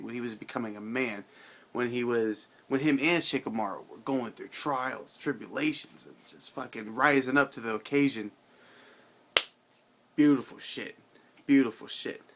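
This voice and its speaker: A tipsy, tired man rambling casually to his channel's viewers, halting, repeating himself and swearing in loose slang. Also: mid-range voice, a bit bright. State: drunk, somewhat intoxicated and tired. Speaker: video channel host. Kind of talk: casual rambling vlog monologue.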